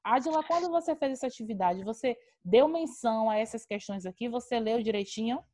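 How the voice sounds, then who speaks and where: A woman's voice: fairly high pitch, fairly quick, mellow. A woman teacher with a Brazilian accent, patiently explaining grammar in an online class and repeating key terms.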